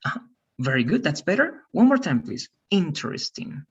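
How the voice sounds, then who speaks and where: A man's voice: fairly high pitch, very animated, unhurried, slightly rough, distant mic, muffled recording. A man teaching an English pronunciation lesson, patient and encouraging, mixing Spanish explanations with English examples.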